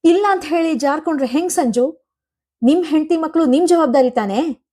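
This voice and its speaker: A young new mother, tearful and pleading, speaking softly and quickly as she begs her husband for help, voiced by a woman reading the story. Her voice sits a little high. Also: slightly rough. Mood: upset. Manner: soft, pleading voice.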